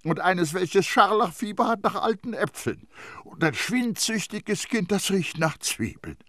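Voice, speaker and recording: A man doing a fussy, pompous priest in an audiobook, lecturing in a voice pushed very high and swinging wildly. The delivery is shrill and indignant, and the sound is dry and close. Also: animated, a little slow, sharp tone, no echo, full character voice. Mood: shrill insistence. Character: fussy pompous middle-aged male priest.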